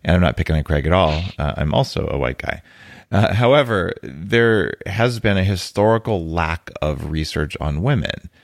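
A male podcast host with a very low, gravelly voice, talking in a lively, joking way about his guest's work. The sound is dry and close, with no room around it. He pokes fun at himself as he goes. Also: moderate pace, no room sound. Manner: animated, jokey, self-deprecating. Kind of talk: casual interview chat.

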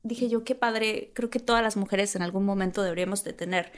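A woman guest with a Mexican accent tells an animated anecdote in a casual chat, speaking a little fast. She laughs often and jumps high in pitch to act out the voices of people she quotes.

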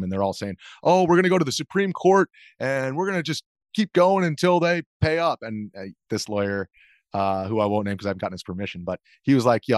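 Here an American man with a fairly low voice is interviewed about his work as a video journalist, and he tells informal stories that he keeps interrupting, acting out what others said. The recording is dry and clean, studio quality.

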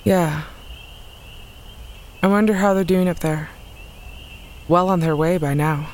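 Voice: medium pitch, fairly even intonation, slow pace, a little hiss or hum, natural voice. An actor playing a tough, practical scout guiding others through the woods at night, speaking in blunt, clipped lines. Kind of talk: audio drama acting.

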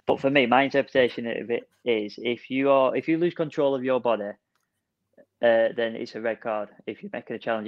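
A man's voice: mid-range voice, no room sound. A man co-hosting a casual football chat over a video call. He gives his opinions point by point and keeps saying "for me.". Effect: heard over a video call. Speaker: podcast co-host. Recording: dull, dry lo-fi call audio.

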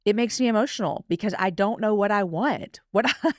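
A woman's voice: mid-range voice, dry recording. Candid woman in her forties, dry sound. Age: 40s. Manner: candid, emotional, quick self-talk asides. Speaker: guest author. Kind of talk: casual interview chat.

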